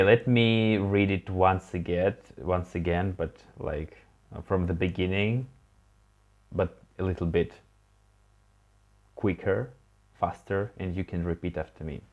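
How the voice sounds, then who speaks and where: A man's voice: sits low, steady tone, unhurried, long pauses. A man teaching a beginner language lesson online, patiently prompting a learner to repeat words and encouraging them.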